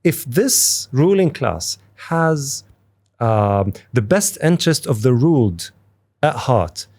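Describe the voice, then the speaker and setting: Guy from dubai hosting a podcast, thinks out loud, mid pitch, lots of restarts. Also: sing-song, slow pace. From Dubai, UAE. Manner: reflective, thinks aloud with restarts. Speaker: podcast host. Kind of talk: casual interview conversation.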